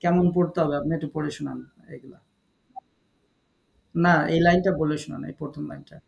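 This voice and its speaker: Male recitation teacher, fairly high gravelly voice, patient and coaxing with online students. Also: steady tone, dull audio. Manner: patient, coaxing, repeats syllables slowly. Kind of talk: online class, calling on students to read.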